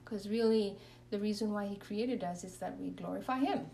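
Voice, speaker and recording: A woman's voice: mid-range voice, moderate pace, vocal fry, mellow, slight background noise. A woman, a religious sister, earnestly sharing her faith story and leading prayer in an interview. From Kenya. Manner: earnest, reflective. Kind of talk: interview testimony and spoken prayer. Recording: voice a bit far from the mic.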